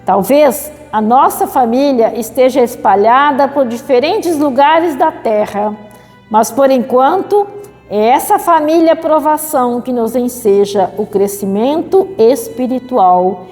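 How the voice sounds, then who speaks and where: A middle-aged woman with a Brazilian accent giving a spiritual lecture, slow and measured, repeating phrases and adding tag questions. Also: high-pitched, darkish tone, in a large hall, faint music behind. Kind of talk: spiritual talk. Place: spiritist center hall.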